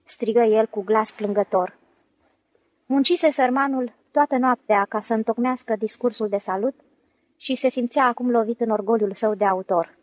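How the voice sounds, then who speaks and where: Higher-voiced woman reading an audiobook. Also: darkish tone, no echo, rough recording. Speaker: audiobook narrator. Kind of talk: scripted narration of a novel.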